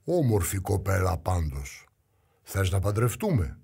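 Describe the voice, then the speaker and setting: Male storyteller as a greedy scornful rich ruler, sly, husky voice. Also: sits low, big pitch swings, a little mellow, pitched below the performer's own voice, heavily acted.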